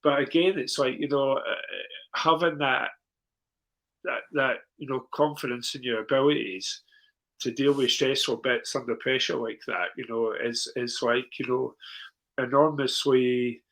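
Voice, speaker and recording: A middle-aged man speaking as a guest, telling long anecdotes in a loose, chatty flow. His voice sits at an ordinary pitch but leaps sharply upward when he gets excited, then settles back into calm, measured asides. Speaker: guest on a cue sports talk show. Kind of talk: conversational storytelling.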